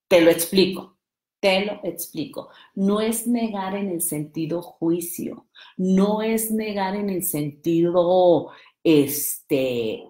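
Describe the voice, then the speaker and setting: A woman NLP coach gives a motivational talk to an audience in a mid-range voice with a roomy sound. She is playful and likes to act out the friends she quotes.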